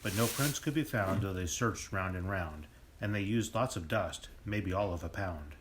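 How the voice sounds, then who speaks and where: A man with a low-pitched, natural voice plays a theatrical storybook narrator, reciting a comic murder mystery in lilting rhyme at a normal speed. His scripted rhyming narration has a dramatic, wry mood, and there is background noise.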